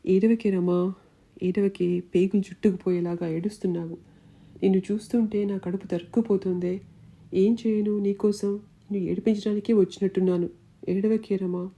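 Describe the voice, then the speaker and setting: A woman's voice: mid-range voice, steady tone, moderate pace, mellow, lightly acted. A woman voicing a loyal young woman who comforts her weeping friend in a soothing, urgent way, in a storybook reading. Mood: consoling. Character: anxious loyal female friend, consoling.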